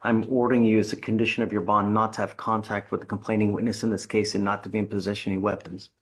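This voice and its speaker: A man's voice: lowish voice, flat delivery, very fast, slightly rough. A man speaking as a judge in a courtroom, giving blunt, stern orders and warnings in a directive way. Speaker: judge presiding over bond hearings.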